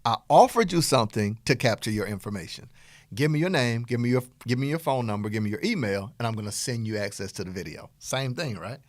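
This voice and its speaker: Talking quickly in a mid-range voice, this Southern American podcast host breaks down business strategy in a relaxed, coaching style. He's lively and playful, performing little acted-out exchanges, and the recording has no room sound.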